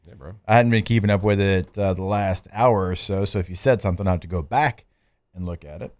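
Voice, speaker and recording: A man with a somewhat low voice hosts live sports talk from a radio studio. He banters loosely and jokes, filling pauses with ums and likes. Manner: relaxed, joking banter with many fillers.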